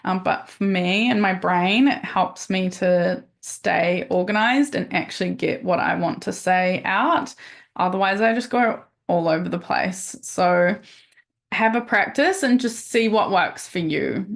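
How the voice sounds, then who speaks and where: A woman's voice: on the low side, animated, unhurried, creaky. Chatty woman giving a podcast webinar. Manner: chatty, upbeat, loose with fillers and restarts. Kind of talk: casual webinar talk.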